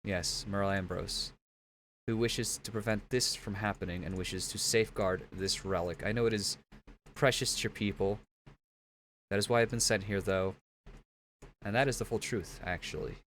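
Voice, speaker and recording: A man playing a frog adventurer in a tabletop game, speaking formally and earnestly in his own low voice. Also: steady tone, normal speed, a bit bright, a little hiss or hum.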